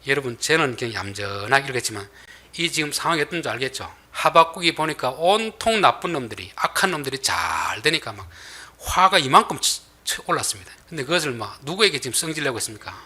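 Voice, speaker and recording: Expressive husky male preacher. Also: mid-range voice, fast talker. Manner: dramatic, swings between loud emphatic bursts and soft near-whispers. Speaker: pastor. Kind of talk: sermon.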